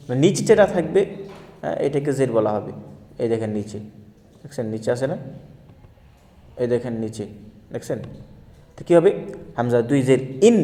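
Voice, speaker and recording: A man teaching a Quran reading class, drilling letter sounds slowly and coaxing the class to repeat after him. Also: on the high side, warm tone, in a large hall. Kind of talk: online class lesson.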